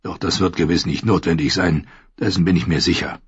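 A man's voice: sits low, steady tone, slightly rough, dry recording, dull audio. A man doing a solemn knightly lord. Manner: measured, solemn.

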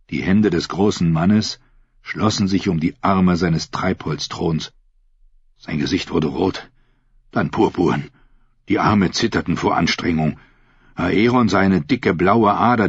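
A man narrating a fantasy audiobook in a measured, dramatic reading style. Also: sits low, slightly rough, no echo, muffled recording.

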